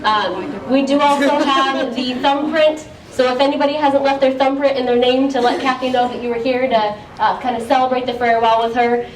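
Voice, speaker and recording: A woman's voice: high-pitched, steady tone, brisk, hardly any pauses. A woman organizing a retirement party, making light, friendly announcements to the guests. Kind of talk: casual announcements to a crowd. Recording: echoey room from far off, crowd chatter.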